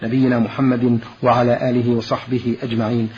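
A man's voice: medium pitch, little pitch movement, fairly quick, slight background noise. A man presenting a radio programme in formal Standard Arabic, with scripted announcer diction. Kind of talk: formal broadcast presenting, reading out listener questions. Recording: dull lo-fi radio recording.

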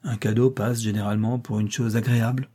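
A man's voice: on the low side, level tone, brisk, dark tone, husky. A man reading the part of a polite, reserved young governess in an audiobook. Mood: composed. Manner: polite and composed.

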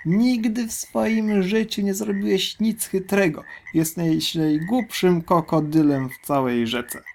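Man putting on a small sneering storybook crocodile, high squeaky voice, slow. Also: gravelly, a little mellow, full character voice. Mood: scornful. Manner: squeaky, mocking. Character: smaller scornful male crocodile.

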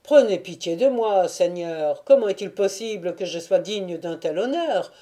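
A woman's voice: lowish voice, animated, moderate pace, mellow, natural voice. A woman reading an audiobook and voicing a cunning old male Cossack who pleads false modesty in a raised voice. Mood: mock humble. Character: sly old male Cossack feigning humility.

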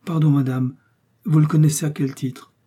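A man reading aloud and voicing an earnest, trusting young woman in a higher, eager and emphatic voice. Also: fairly even intonation, moderate pace, mellow, slightly rough. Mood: excited.

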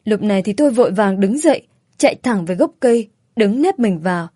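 A woman narrating an emotional first-person story in a calm, steady voice. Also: mid-range voice, fairly quick, slightly rough, dry recording, clean studio sound.

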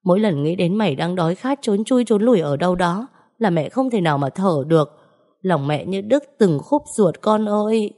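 A woman's voice: fairly low pitch, animated, normal speed, warm tone. A woman voicing a grieving elderly mother who scolds her runaway son, wailing in reproach. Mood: distraught.

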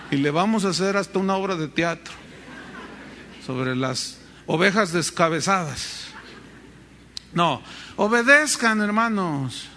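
A pastor preaches with a high, bright, ringing voice. He swings his pitch widely as he tells animated stories and acts out voices. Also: slight background noise. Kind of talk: sermon.

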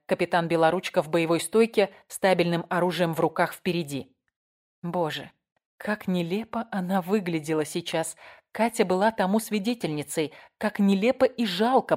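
A woman narrating a crime thriller audiobook in a measured, tense manner. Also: on the low side, a little mellow.

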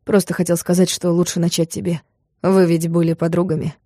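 A woman's voice: fairly low pitch, flat delivery, fairly quick, mellow, dry recording, clean studio sound, lightly acted. A woman voicing a blunt, protective young man who talks curt and firm.

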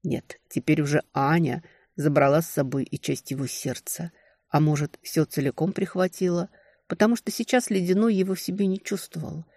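A woman narrating a romantic fantasy novel in an expressive storytelling manner. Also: deep voice, normal speed, breathy edge, dry recording, studio quality. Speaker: audiobook narrator.

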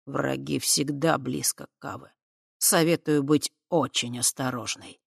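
A narrator performs a sly male half-spirit prince who mocks and threatens in a hushed, drawn-out voice. The recording is close and dry, with no room around it. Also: medium pitch, fairly even intonation, vocal fry, slightly rough, no echo, exaggerated voice. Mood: quiet menace. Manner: soft, slow, silky and menacing.

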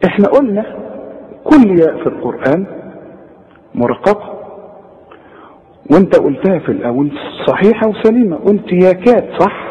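A man's voice: fairly high pitch, slight background noise. Egyptian man teaching recitation, echoey. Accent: Egyptian Arabic. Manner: corrects the listener directly and demonstrates each sound. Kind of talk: informal recitation lesson. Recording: long reverb, dull lo-fi sound.

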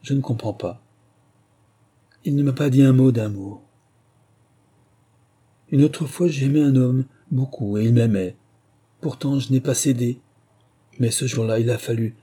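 A man's voice: mid-range voice, measured pace, long pauses, breathy edge. A man reading aloud voices a tender middle-aged mother who hesitantly confides a long-kept secret. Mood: anguished. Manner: soft-spoken, hesitant and confiding. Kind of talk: audiobook reading.

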